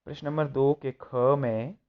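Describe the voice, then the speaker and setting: Guy teaching a textbook lesson real slow, reads a line then repeats it, muffled lo-fi sound. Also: medium pitch, steady tone. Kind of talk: explaining a school textbook lesson.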